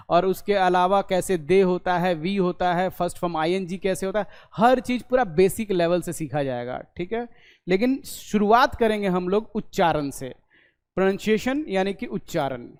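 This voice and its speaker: Smooth-voiced man teaching a class. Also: sits high, a little mellow. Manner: explains slowly, stretching out sounds and checking in with "okay". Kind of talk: online class lecture. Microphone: recorded for a video lesson.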